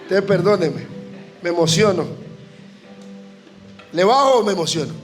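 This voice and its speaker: A man with a Panamanian Spanish accent, a guest preacher giving an impassioned sermon to a church congregation. He often shouts and climbs to emotional peaks. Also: high voice, expressive, normal speed, faint music behind.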